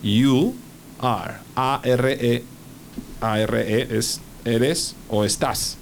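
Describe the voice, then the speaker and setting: A man's voice: medium pitch, fairly even intonation, very slow, a little hiss or hum. A man teaching an English lesson in Spanish on the radio, patiently spelling out words and checking with "ok?".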